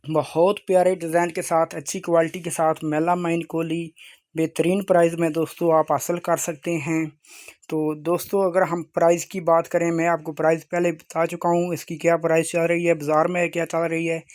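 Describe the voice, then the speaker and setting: A man delivers an informal sales pitch for an online video. His tone stays flat and even while he pushes the offer insistently, circling back over the same phrases. The sound is close and dry. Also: moderate pace, dry recording. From Pakistan. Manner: insistent, repetitive salesman's pitch with bold guarantees. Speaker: YouTube channel host selling crockery.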